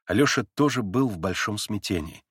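A man narrating an audiobook in a measured, calm storytelling manner. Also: fairly low pitch, husky, dry recording, studio quality.

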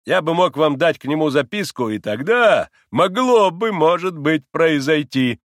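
A man reading aloud and voicing a haughty, impatient doctor who speaks slowly and pompously, hammering every syllable. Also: on the high side, expressive, a bit bright, no room sound, clean studio sound, voice pushed up. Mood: condescending. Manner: clipped, pompous, stressing each syllable. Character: haughty impatient middle-aged male doctor.

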